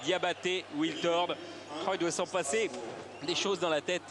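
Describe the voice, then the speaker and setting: A man's voice: on the high side, fairly even intonation, moderate pace, a crowd in the background. A man calling a football match play by play, naming players in short clipped phrases. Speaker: football commentator. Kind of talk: live play-by-play football commentary. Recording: very noisy stadium broadcast. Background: loud stadium ambience.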